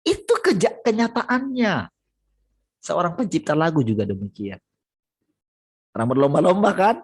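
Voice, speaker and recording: A man preaching a sermon over a video call, animated, his voice rising high and loud for emphasis and dropping low and soft. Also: normal speed, breathy edge.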